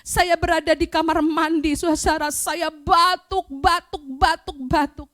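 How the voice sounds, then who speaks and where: A woman's voice: extremely high pitch, level tone, unhurried. Fervent woman pastor preaching. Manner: fervent preaching that swells to loud, emphatic cries. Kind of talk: sermon. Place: church, streamed online.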